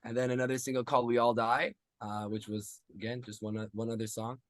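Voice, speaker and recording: A man's voice: medium pitch, level tone, a little fast, dry recording. A man in his thirties from Israel, a guest musician answering interview questions in a rambling casual way with many ums.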